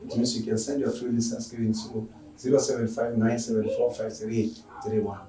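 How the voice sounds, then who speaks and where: Earnest Tanzanian math teacher, echoey room. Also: male voice, medium pitch, level tone, brisk, dark tone. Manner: earnest, asks for donations. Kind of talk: online lesson sign-off. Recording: echoey room, noisy from far off.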